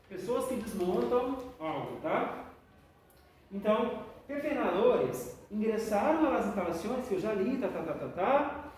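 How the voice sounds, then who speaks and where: A woman's voice: medium pitch, a little mellow. Woman teacher in an echoey room. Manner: explains patiently, often checks with "tá?". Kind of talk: classroom lesson. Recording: echoey room, distant mic, faint noise.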